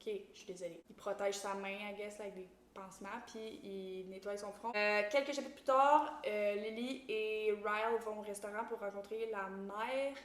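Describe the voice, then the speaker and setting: A woman with a Québécois French accent gives a casual, animated book recap. She mixes English slang into her French and acts out the characters. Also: mid-range voice, normal speed, hardly any pauses, roomy sound. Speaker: book YouTuber.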